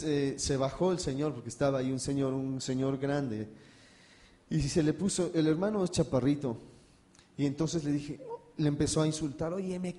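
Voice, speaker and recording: Warm pastor telling stories. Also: male voice, fairly high pitch. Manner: conversational storytelling, addresses the congregation directly. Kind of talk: sermon.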